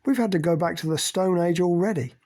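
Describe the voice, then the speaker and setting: A man's voice: high voice, fairly quick, a little mellow, pitched above the performer's own voice. A man voicing Cynthia, an indignant, prickly woman who sneers and dismisses, in an audiobook. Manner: defensive, dismissive.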